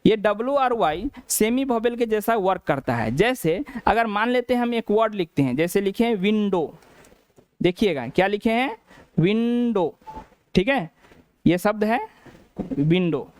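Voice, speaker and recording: A man's voice: sits high, expressive, normal speed, clean tone, no echo. Hindi-speaking male teacher, question-and-answer drills. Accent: Bihari Hindi. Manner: repeats each point as a question, then answers it. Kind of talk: classroom lesson.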